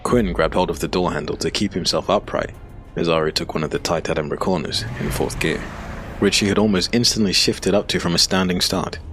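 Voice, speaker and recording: A deep, low male voice reads a scripted dark fantasy narration for an audio drama at a brisk pace, with faint music playing underneath.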